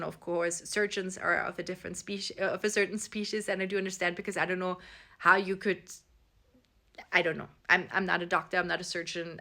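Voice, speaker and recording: A woman's voice: medium pitch, bright, forceful tone. A woman from Vienna, telling a casual storytime to camera in an earnest, reflective way and speaking straight to her viewers. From Vienna, Austria. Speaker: social media creator.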